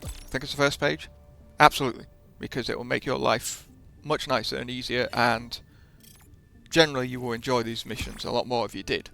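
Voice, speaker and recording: Gravelly man talking through gameplay. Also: mid-range voice, steady tone, a little fast, sharp tone, soft background music. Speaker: gaming video host. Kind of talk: casual gameplay commentary.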